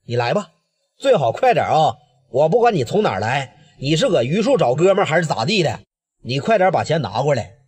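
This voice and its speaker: Man doing Northeastern mob heavy, husky, blunt threats. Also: on the high side, very animated, brisk, a little mellow. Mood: menacing. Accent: Northeastern Mandarin. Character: Northeastern gangster boss, male adult, cold, menacing.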